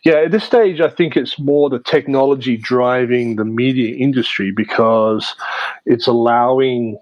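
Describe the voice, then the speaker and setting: A man answering interview questions in a measured way, with many fillers and restarts. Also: medium pitch, a little mellow, dry recording, muffled recording. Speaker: interview guest, media producer. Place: based in Vietnam.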